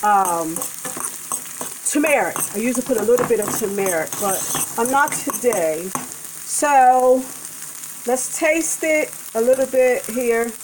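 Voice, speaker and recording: A woman talks her viewers through a vegan breakfast in her home kitchen, rambling and correcting herself as she goes. Her voice sits a little high. A pan sizzles clearly under her words. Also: lively intonation, slow pace, long pauses, background noise. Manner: chatty, rambling, self-correcting. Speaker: vlogger cooking a vegan breakfast. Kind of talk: casual cooking demonstration. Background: food sizzling in a pan.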